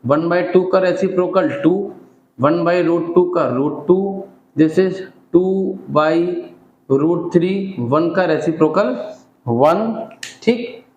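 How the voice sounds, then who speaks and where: A man's voice: high voice, a little mellow, echoey room, muffled recording. A man teaching a maths lesson, explaining each step in turn and mixing Hindi with English terms. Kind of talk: classroom maths lecture.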